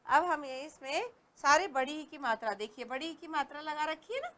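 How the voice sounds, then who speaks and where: A woman teaching a reading lesson to young children, patient and stressing each word clearly. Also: high voice, animated, moderate pace, pushed and bright.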